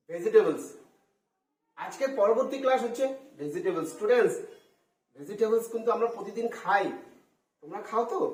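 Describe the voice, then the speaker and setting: A woman's voice: mid-range voice, darkish tone. Woman teacher doing a kids lesson, spells stuff out letter by letter, keeps asking right?, echoey room, mic kinda far off. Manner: mixes English into talk, spells words out letter by letter, tags questions to pupils. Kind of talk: online school lesson for children. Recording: roomy echo, far from the mic.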